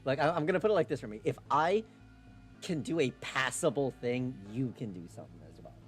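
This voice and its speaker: A man hosting a live stream, chatting casually and excitably as he plays a game, now and then swearing. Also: medium pitch, brisk, soft background music. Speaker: streamer and host.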